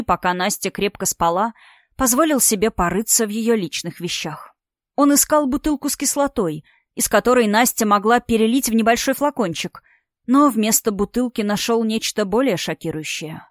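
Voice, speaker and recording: A woman narrating a dramatic audiobook story in an even, expressive storytelling voice. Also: mid-range voice, no echo, clean studio sound.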